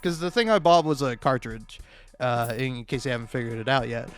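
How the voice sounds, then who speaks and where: A video maker rambles through a comedic, off-the-cuff monologue, stammering, restarting words, swearing and putting himself down. He talks fairly quickly in a medium-pitched voice over background music.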